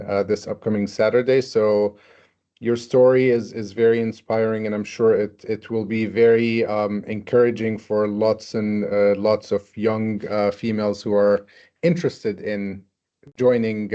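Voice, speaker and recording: A man hosting and moderating a webinar over a video call, speaking in a hesitant, halting way. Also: on the low side, warm tone. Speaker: webinar host. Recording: dull video call audio.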